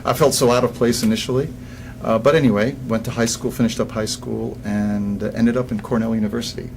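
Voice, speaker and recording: A man in his sixties from Egypt, a guest business coach in a casual interview, telling stories with lively restarts and repeated words. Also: medium pitch, a little fast, creaky, background noise. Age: 60s. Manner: animated storyteller who repeats words when starting sentences.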